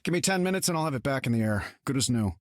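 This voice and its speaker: A man's voice: mid-range voice, expressive, racing, darkish tone, no echo, studio quality, lightly acted. A man voicing a confident, wisecracking inventor superhero in a video game, wry and casual. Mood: breezy, confident. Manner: wry, casual, self-assured. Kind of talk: video game character acting.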